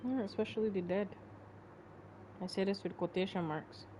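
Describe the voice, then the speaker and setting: A woman's voice: mid-range voice, steady tone, moderate pace, warm tone, slight background noise. A woman streamer giving casual game commentary in a teasing, blunt, reactive way. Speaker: gaming streamer.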